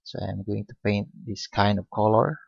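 A man giving a step-by-step painting lesson, speaking unhurriedly with many pauses and fillers. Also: on the low side, creaky, slightly rough, no room sound. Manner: unhurried, hesitant with frequent fillers. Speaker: painting instructor. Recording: dull lo-fi recording.

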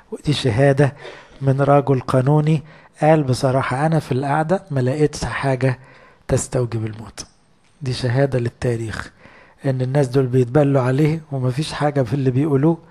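A man's voice: medium pitch, mellow. A man with an Egyptian Arabic accent, a priest giving a sermon that explains scripture in colloquial storytelling and often asks his listeners questions.

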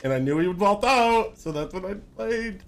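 A man streaming a shooter game, calling plays and trash-talking his teammates with loud, excitable energy. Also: high-pitched, normal speed, a little hiss or hum. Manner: excitable, boastful trash talk, shouts in fights. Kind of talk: live gameplay commentary with teammates. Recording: game gunfire loud under voice.

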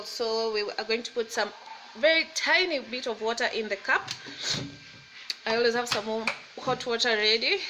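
A bright, fairly high-voiced woman in her thirties talks her viewers through a recipe in a cheerful, encouraging way. She is recorded from a little distance in an echoey home kitchen, with faint room noise behind her. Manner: chatty, upbeat and encouraging, with faith talk. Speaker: cooking vlogger, mother. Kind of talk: casual cook-along chat. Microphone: laptop or phone camera at desk distance. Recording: roomy, slightly distant camera mic with faint ambience.

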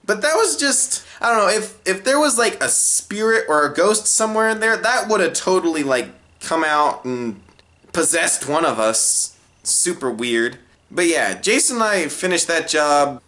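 Young male storyteller, bright voice, wide pitch swings, deadpan-to-exasperated delivery. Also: moderate pace. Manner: expressive, swings from low deadpan asides to high exasperated outbursts. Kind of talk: animated storytime narration.

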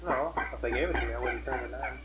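Woman with a very deep voice, matter-of-fact family chat, old 1950s home wire recording. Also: fast, very noisy. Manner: matter-of-fact, chatty storytelling. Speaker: family member at a holiday gathering.

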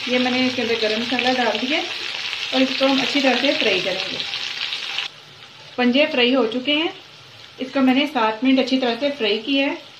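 A cooking channel host with a fairly high voice explains a recipe step by step, taking her time and repeating herself as she cooks. Her voice echoes around a home kitchen, with frying and sizzling from the pot clearly audible underneath and background noise throughout.

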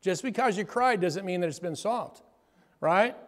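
A man's voice: high voice, expressive, normal speed. A man preaching a sermon to his church, often asking the crowd "amen?" and "right?". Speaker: pastor. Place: church hall. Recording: long hall reverb.

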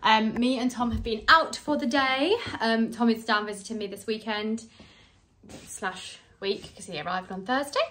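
A woman's voice: fairly high pitch, normal speed, fairly bright tone, slight background noise, poor audio. A young woman from England, chatting casually to her phone camera in a rambling vlog full of fillers. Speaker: vlogger. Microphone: handheld phone.

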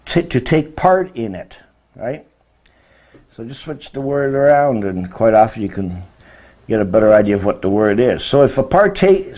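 Standing beside a presentation screen in an indoor room, a sixty-something religion teacher speaks in a mid-range, slightly mellow voice. His lecture explains word meanings informally and emphatically, with frequent rhetorical questions.

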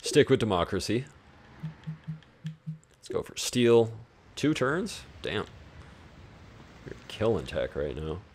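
A man's voice: low-pitched, big pitch swings, slow, long pauses, a little mellow. A young man giving casual, laid-back commentary on his own strategy gameplay, talking to himself as he plays. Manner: laid-back, talks to himself while playing. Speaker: gaming YouTuber.

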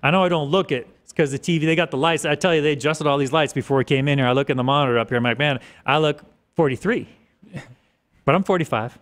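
A man's voice: a little high, fast talker, a bit bright. Forties guy rambling on a podcast, office studio, desk mic. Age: 40s. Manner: casual, rambling with restarts. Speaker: guest. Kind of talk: podcast interview. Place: office studio with large windows. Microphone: boom mic on desk.

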